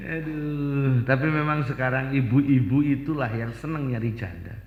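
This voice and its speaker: A man's voice: medium pitch, normal speed, phone-quality sound, a little hiss or hum. A man giving a humorous sermon, joking and telling stories full of voices, in an echoey hall. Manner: joking, storytelling with many voices. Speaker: preacher.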